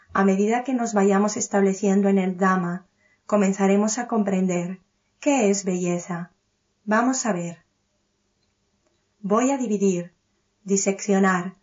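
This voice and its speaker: Una mujer que da una charla calmada sobre meditación budista, con ritmo medido y que alarga las palabras que repite. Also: female voice, mid-range voice. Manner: measured, slows on repeated key words. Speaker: teacher of Buddhist meditation. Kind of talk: calm spoken dharma talk. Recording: dull, muffled lo-fi recording.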